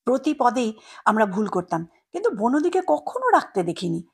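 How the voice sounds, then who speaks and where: A woman reading a story aloud as the narrator, with expressive, lively delivery. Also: a little high, normal speed, husky.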